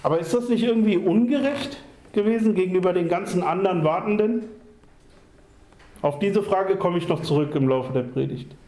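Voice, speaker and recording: A man preaching a sermon in an earnest, measured way, repeating key phrases for emphasis. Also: sits high, mellow, slight background noise. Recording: echoey room.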